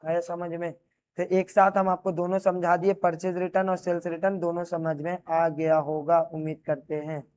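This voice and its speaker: A man's voice: on the high side, flat delivery, normal speed, a little mellow. A man teaching a class, who asks his students questions and answers them himself while he writes on a board. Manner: repeats key terms as questions and answers them; explains while writing on a board. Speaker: commerce teacher.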